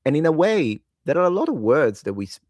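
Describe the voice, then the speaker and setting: A somewhat high-pitched man with a darkish tone talks fast and very animatedly, recorded in studio quality with no echo. He's a language-learning video host, a native Italian speaker, tired late at night, casually and enthusiastically telling the camera which languages he wants to learn while rambling and often correcting himself.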